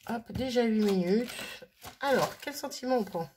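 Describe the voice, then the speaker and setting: A woman's voice: fairly high pitch, a little slow, a little mellow, a little hiss or hum. A woman casually thinking aloud as she works on a craft project, chatting and muttering to herself at her worktable. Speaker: crafting vlogger.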